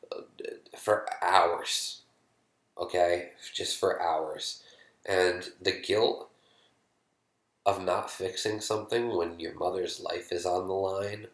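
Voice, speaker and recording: Man, deep gravelly voice, flat delivery, halting candid talk, echoey room. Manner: halting, many fillers and repeated words; drops to a whisper when quoting his own thoughts. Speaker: vlogger sharing his experience. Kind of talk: candid personal talk to camera.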